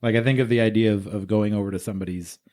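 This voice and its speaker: Low-pitched man from the States, co-host, relaxed and joking, rambling questions. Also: very fast. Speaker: podcast co-host. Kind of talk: casual chat.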